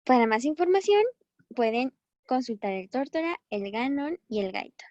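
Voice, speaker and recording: A woman medical teacher delivers a recorded lecture in a chatty, encouraging, expressive way at a moderate pace, occasionally pausing to correct herself. Her voice is fairly high yet darkish in tone, and the dry, slightly dull sound suggests a close, inexpensive microphone.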